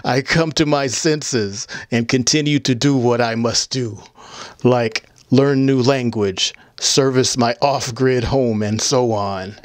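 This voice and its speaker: A man's voice: medium pitch, takes it slowly, dry recording. Blunt, profane young man, dry close sound. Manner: blunt, profane, rambling and mocking. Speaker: vlogger answering viewer comments. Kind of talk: casual, crude monologue. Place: small indoor room with photo-covered wall. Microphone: handheld microphone held close.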